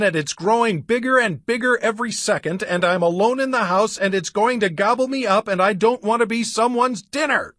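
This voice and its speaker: A man's voice: on the high side, sharp tone, dry recording, clean studio sound, voice pushed up, exaggerated voice. A man voicing a frantic, talkative fifth-grade girl who shrieks in breathless panic in a storybook reading.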